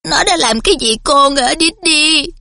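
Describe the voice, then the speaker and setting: A woman voicing a shrill, fussing middle-aged mother who dotes on her son, in a storybook reading. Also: animated, moderate pace, bright, forceful tone, no room sound, clean studio sound, heavily acted. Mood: frantic. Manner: shrieking, trembling.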